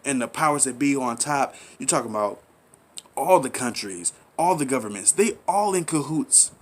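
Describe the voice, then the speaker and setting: Here the male commentary host's mid-range voice moves at a moderate pace, his intonation lively. It's another impassioned, wandering, sermon-like monologue: he repeats points, poses rhetorical questions, and presses listeners in laid-back slang.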